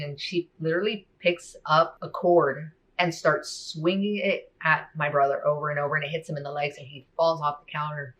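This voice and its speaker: A woman sharing a personal faith testimony in a soft-spoken, reflective way, often saying "you know" and "like.". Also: deep voice, rough recording.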